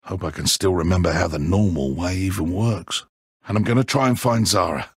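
A man playing a petulant, theatrical video game villain stripped of his godlike powers, with a raspy, strained, melodramatic delivery. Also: sits low, dry recording, studio quality, full character voice. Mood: remorseful, subdued. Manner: melodramatic, drawn-out, emphatic. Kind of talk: dramatic animated game acting.

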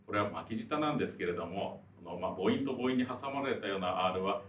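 A man's voice: fairly low pitch, animated, fairly quick, fairly bright tone, reverberant, distant mic, slight background noise. A man teaching singing, explaining pronunciation politely with many fillers. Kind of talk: explanatory lesson.

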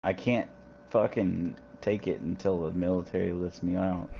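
A man's voice: low-pitched, steady tone, normal speed, vocal fry, warm tone. A man bantering back at a friend in voice chat with dry, defensive comebacks. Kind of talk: casual banter over voice chat. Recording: dull lo-fi mic, faint hiss.

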